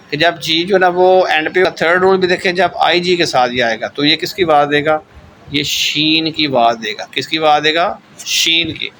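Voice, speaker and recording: A man teaches German pronunciation with a bright, forceful voice pitched a little high. He drills example words slowly and over and over, and checks in with his listeners often. Faint noise sits under the recording. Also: poor audio. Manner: repeats words slowly and checks in with "theek hai". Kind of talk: online language lesson.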